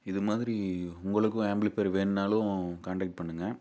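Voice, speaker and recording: A man who builds and repairs amplifiers walks his channel's viewers through a product in a casual, plain-spoken way, his Tamil Nadu accent clear. His voice sits fairly low and stays steady, warm, and quick.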